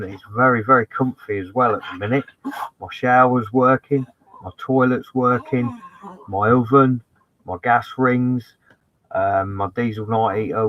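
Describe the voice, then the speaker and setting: Man, casual live stream chatter, upbeat, mid pitch, dry close sound. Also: no echo, highs cut off. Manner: upbeat, greets viewers by name, keeps saying "fantastic". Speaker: van-life live streamer. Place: inside his converted box van.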